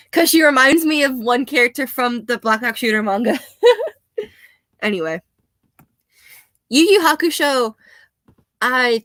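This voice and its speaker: A young woman, a bit hoarse, chatting casually and laughing often as she rambles. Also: fairly high pitch, fairly bright tone, dry recording. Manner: chatty, laughs often, self-deprecating asides. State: slightly hoarse.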